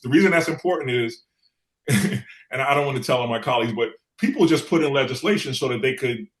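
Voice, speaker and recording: His voice is medium-pitched with a fairly bright tone. This former city council member, a middle-aged man from New York City, guests in an interview and tells stories in a conversational way, leaning on repeated phrases for emphasis, while the room sounds echoey.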